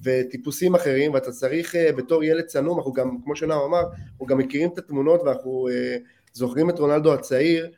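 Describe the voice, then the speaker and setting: A man's voice: fairly high pitch, fairly even intonation, warm tone. A man co-hosting a podcast, speaking reflectively and thinking aloud with frequent fillers. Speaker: podcast co-host. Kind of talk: casual chat.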